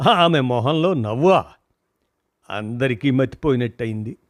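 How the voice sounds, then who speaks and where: A man reads a short story aloud in a measured, expressive way. His voice sits in an ordinary middle pitch, and the recording is close and dry with no room sound. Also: no room sound.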